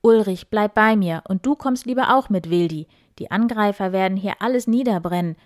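A woman voicing a grumpy middle-aged count in a children's story, loud and commanding. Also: on the low side, normal speed, dry recording, clean studio sound, natural voice.

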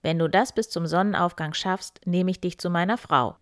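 Woman doing a greedy fairy-tale king who barks orders, loud and recorded dry. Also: fairly low pitch, normal speed, no echo, natural voice. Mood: commanding. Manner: loud, commanding.

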